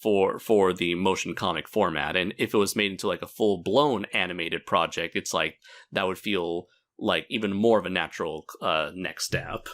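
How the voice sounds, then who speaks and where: Deep-voiced male podcast host. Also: moderate pace, fairly bright tone. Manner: frequent affirming fillers. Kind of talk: casual interview chat.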